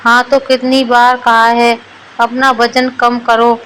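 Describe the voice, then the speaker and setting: A woman's voice: fairly high pitch, little pitch movement, takes it slowly, fairly bright tone, a little hiss or hum, rough recording. Woman voicing a firm nagging wife. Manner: nagging, matter-of-fact.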